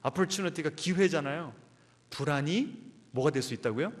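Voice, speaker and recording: A man's voice: fairly high pitch, moderate pace. A man preaching a Sunday sermon as a pastor, asking the congregation questions and answering them, and acting out inner voices. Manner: acts out inner voices in quotes. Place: church sanctuary. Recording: long hall reverb.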